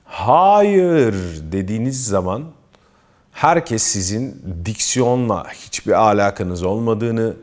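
Low-voiced earnest male advice vlogger. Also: measured pace. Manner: earnest, emphatic, keeps addressing viewers as friends. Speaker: self-improvement vlogger. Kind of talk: advice talk to camera.

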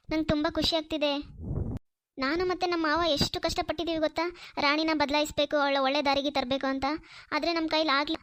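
Woman doing a sweet trusting cartoon college girl, high voice, earnest, dry close mic. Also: no room sound. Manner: soft, apologetic, earnest. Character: kind trusting young female college student. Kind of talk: Kannada cartoon voice acting.

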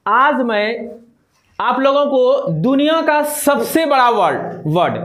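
Male schoolteacher at a blackboard, unhurried and repetitive, recorded in a roomy, echoing space. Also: extremely high pitch, lively intonation, fairly bright tone. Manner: slow, spells and counts letters aloud, repeats words. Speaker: teacher. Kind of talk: blackboard lesson for students.

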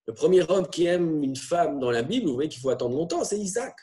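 Halting male lecturer explaining texts. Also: a little high, expressive, dark tone. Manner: explanatory, halting, frequent "hein" tags.

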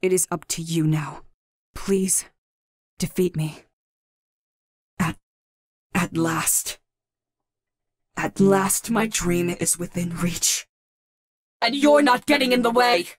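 A woman's voice: fairly low pitch, slow, long pauses. A woman voicing an intense, calculating artificial professor in a dramatic video game style, formal and theatrical. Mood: solemn, yearning. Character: intense artificial female professor, calculating, proud, ultimately tender.

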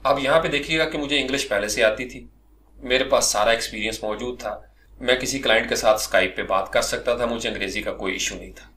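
A middle-aged man from Pakistan, a freelancer, telling his own career story as a lively personal monologue, often addressing his listeners politely. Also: medium pitch, slight background noise.

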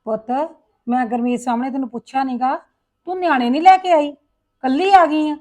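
A woman's voice: high-pitched, fairly even intonation, normal speed, warm tone, natural voice. An actress playing a mother who takes her married daughter's side against the in-laws in a domestic drama. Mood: indulgent. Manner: indulgent, scolding the in-laws. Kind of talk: domestic web drama acting.

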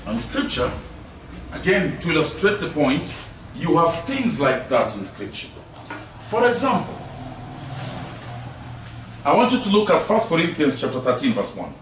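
Pausing often at a measured pace, a male Bible teacher with a fairly high, somewhat bright, sing-song voice teaches a class emphatically, repeating key words and posing rhetorical questions. The sound comes from a distant mic in a highly echoey hall, with faint noise.

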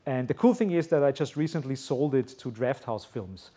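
A man's voice: mid-range voice, lively intonation, moderate pace, dark tone, breathy edge. Rambling man answering festival questions. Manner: rambling, many fillers and restarts. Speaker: film director at a festival Q&A. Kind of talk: casual Q&A answers. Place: festival hall before an audience.

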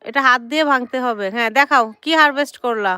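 Chatty woman in her thirties, bright clear voice. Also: fairly high pitch, brisk, dry recording, clean studio sound. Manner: chatty, coaxing her children and addressing viewers. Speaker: vlogger and mother. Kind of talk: casual garden vlog chat. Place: home garden outdoors, sitting with tea.

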